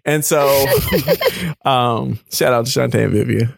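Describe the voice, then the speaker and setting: A man's voice: medium pitch, takes it slowly, vocal fry, no echo, clean studio sound. A young man co-hosting a podcast in casual chat, rambling with fillers, restarts and frequent laughter. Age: young adult. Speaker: podcast co-host.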